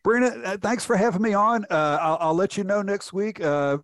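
In a dry recording, a middle-aged man from Houston, Texas, who works as a chief economist, talks through reports during a conversational podcast interview. He speaks at a normal pace in a high-pitched, fairly bright voice and restarts often.

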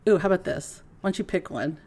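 Giggly woman co-host, low voice. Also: fast talker, husky. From grew up in a Filipino bilingual household. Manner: giggly, animated, laughs often. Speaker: podcast co-host. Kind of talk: casual chat.

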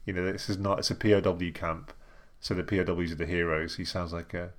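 Low-voiced man, laughing podcast chat. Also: flat delivery, brisk. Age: young adult. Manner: chatty, laughs often, lots of ums and restarts. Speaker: podcast co-host. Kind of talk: casual chat.

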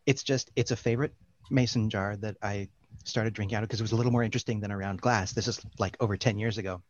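A man's voice: lowish voice, fairly even intonation, fast talker, highs cut off, a little hiss or hum. A man co-hosting in casual chat, easygoing and chuckling. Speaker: co-host.

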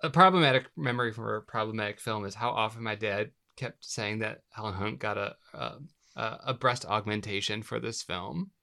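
A man's voice: lowish voice, normal speed, vocal fry, bright, forceful tone. A man chatting casually on a podcast about films, asking curious questions and making dry jokes. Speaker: podcast host. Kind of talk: casual film discussion chat.

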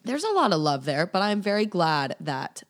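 A woman's voice: fairly low pitch, sing-song, normal speed. A young woman with a slight lisp, chatting as a podcast guest, bubbly, laughing often and wandering off on tangents. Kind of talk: casual chat.

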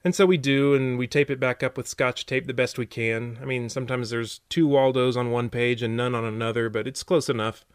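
A man's voice: medium pitch, fairly even intonation, brisk, hardly any pauses, clear, resonant tone, no room sound, clean studio sound. A man hosting a puzzle podcast in a conversational way with wry, jokey asides, recorded in a small closet. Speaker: podcast host. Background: music.

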